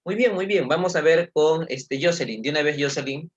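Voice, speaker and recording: A man's voice: fairly high pitch, a little fast, muffled recording. A male teacher leading an online class over a video call, calling on students and giving encouraging feedback. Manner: encouraging, calls on students by name.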